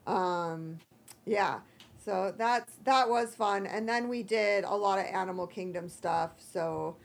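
A woman with an American accent and a hoarse, croaky voice from allergies, chatting casually and candidly as a self-deprecating podcast co-host. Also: mid-range voice, slow. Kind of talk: casual chat.

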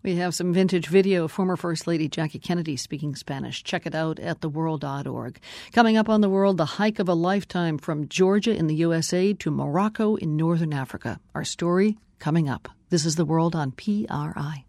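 A woman anchoring a radio news show with crisp, even presenting. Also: low-pitched, brisk, dry recording, clean studio sound.

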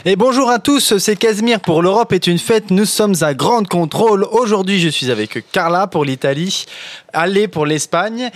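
Here is a man hosting a radio talk show with a playful, teasing way of asking his guests questions. His voice sits high for a man. The sound is close and dry, with no room around it. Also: moderate pace, no echo. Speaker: radio host. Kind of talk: casual radio round-table chat.

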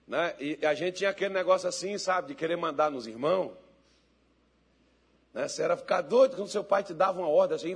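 Pastor, male, high husky voice, folksy preacher who builds to fervent prayer. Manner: folksy storytelling, laughing, rising to loud fervent prayer. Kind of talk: sermon with storytelling and led prayer.

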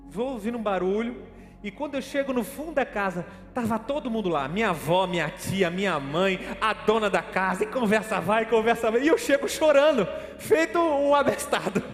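A Brazilian man preaching a sermon, telling a personal story with dramatic re-enactment and calling listeners brother. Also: high voice. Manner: dramatic storytelling, acts out his own panic; addresses listeners as brother, asks questions. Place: church hall, streamed online. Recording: echoey hall with faint music.

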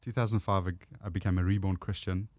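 A South African man, a podcast guest, telling personal stories in casual chat with animated asides. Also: sits low, quick pace, no room sound.

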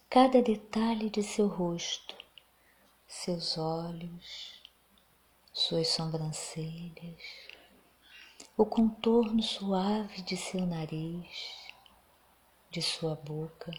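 Brazilian accent lady doing a guided meditation, really slow, soft breathy half whisper, kinda low voice.

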